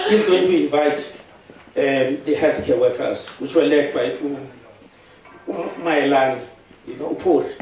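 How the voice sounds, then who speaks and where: A man's voice: a little high, mellow. South African man giving an echoey eulogy. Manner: conversational storytelling, chuckles often, mixes Xhosa phrases into English. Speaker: eulogist, former business partner. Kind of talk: funeral eulogy, anecdotal. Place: large hall at a funeral service. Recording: very echoey live stream from far off, faint noise.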